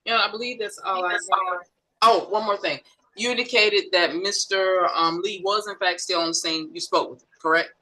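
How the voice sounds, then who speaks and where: Woman, prosecutor, bright clear voice, methodical questions, courtroom. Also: medium pitch, moderate pace, low-quality recording. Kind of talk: courtroom direct examination.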